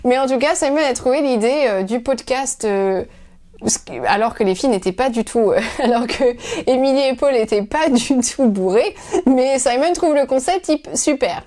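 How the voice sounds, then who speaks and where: A woman's voice: high-pitched, expressive, moderate pace, darkish tone. A woman hosting a knitting video podcast from home, chatting casually to her viewers in a rambling way with many hesitations and restarts.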